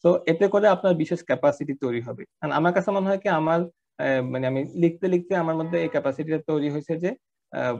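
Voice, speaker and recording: Fast gravelly male instructor, lo-fi audio. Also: on the high side, darkish tone. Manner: conversational, filler-heavy teaching with English mixed in. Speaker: course instructor. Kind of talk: online class lecture. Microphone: online class audio.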